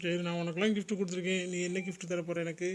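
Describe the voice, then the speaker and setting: A man's voice: high-pitched, flat delivery, very fast, slight background noise, close to an everyday voice. A man voicing Santhosh, a playful, mocking young husband in a cartoon, joking at his wife's expense. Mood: affectionate.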